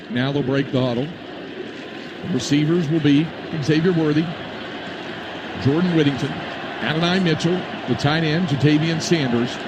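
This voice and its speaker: A man doing live radio play-by-play of a football game in clipped, classic ballgame announcer phrases. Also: a little high. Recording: very noisy live outdoor stadium broadcast.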